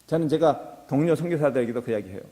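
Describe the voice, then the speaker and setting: Middle-aged pastor preaching in echoing church. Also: male voice, a little high, lively intonation, fast, mellow. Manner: earnest, rising to impassioned exhortation. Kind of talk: sermon. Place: church sanctuary. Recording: reverberant church hall.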